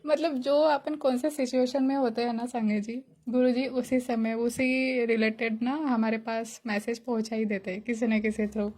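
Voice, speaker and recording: A woman's voice: fairly high pitch, fairly even intonation, moderate pace, few pauses, warm tone. Giggly young woman sharing a devotional story. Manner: chatty, giggly, grateful. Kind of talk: casual spoken testimony.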